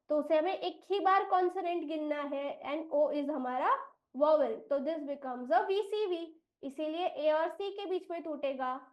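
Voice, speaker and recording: A woman from India trains teachers in English reading, spelling words out slowly and mixing Hindi with English phrases. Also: extremely high pitch. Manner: slow, deliberate spelling out of letters and syllables.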